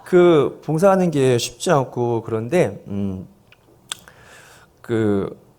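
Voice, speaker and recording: A man's voice: medium pitch, warm tone. A male pastor in his forties, leading a volunteer seminar from the pulpit with jokes and light coaxing of the congregation. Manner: joking, coaxing the congregation, self-deprecating asides. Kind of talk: playful sermon with audience games. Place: church sanctuary, speaking from the pulpit. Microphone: handheld microphone.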